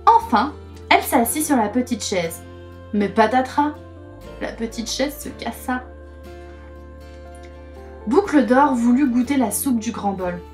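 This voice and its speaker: A woman's voice: on the high side, unhurried, pauses often, soft background music. Woman reading a children's story aloud. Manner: gentle, expressive storytelling.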